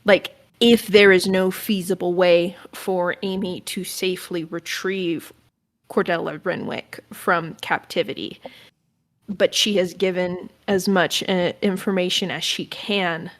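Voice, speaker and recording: A woman's voice: fairly low pitch, steady tone, unhurried. A woman playing a tabletop role-playing game, chatting casually and rambling with lots of fillers. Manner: rambling, with many fillers and restarts.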